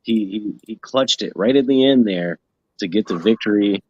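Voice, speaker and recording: A man with a lowish voice hosts a casual trivia game, reading out questions and ribbing the other players with playful banter. His voice sounds dry and a little dull, as if from a modest home mic. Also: normal speed, no room sound. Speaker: trivia show host. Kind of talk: casual game show hosting.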